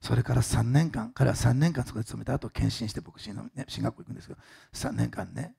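A man preaching a sermon as a pastor, telling a story in an animated, dramatic way. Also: medium pitch, fast talker, vocal fry, slightly rough.

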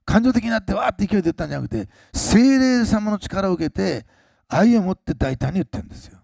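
Man, pastor, sermon, fast talking, gravelly voice, loud emphasis and low asides. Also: expressive, dry recording, studio quality.

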